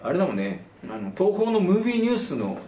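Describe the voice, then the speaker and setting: A man hosting casual film talk, animated and jokey, whose own everyday speech is Kansai dialect. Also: fast, echoey room, slight background noise. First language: Kansai dialect speaker. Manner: animated, jokey, lively pitch swings. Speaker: film commentary host.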